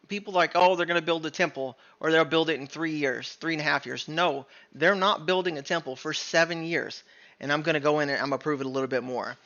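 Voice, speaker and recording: A man's voice: mid-range voice, pushed and bright, muffled recording. A man giving an informal, earnest bible teaching in a conversational way, often checking in with "right?" and correcting himself as he goes.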